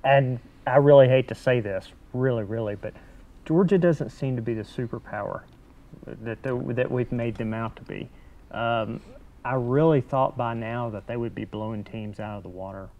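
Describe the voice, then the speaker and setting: Give me a man with a medium-pitched voice, emphatic in casual sports talk. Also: moderate pace, dark tone, highs cut off. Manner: reluctant, emphatic. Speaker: sports panelist.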